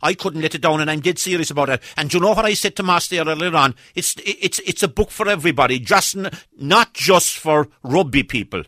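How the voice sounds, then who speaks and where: Bright, forceful Irish radio host. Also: male voice, on the high side, brisk, hardly any pauses, dry recording, studio quality. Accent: Irish, southwest. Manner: chatty, interjecting, repeats himself. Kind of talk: casual interview chat.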